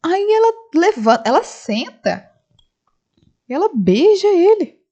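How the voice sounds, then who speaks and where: A woman's voice: very high voice, sing-song, measured pace, warm tone. A woman casually retelling a film scene by scene for her channel, acting out the characters' lines as she goes. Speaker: film reviewer. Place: home, right after the cinema. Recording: slightly dull lo-fi sound.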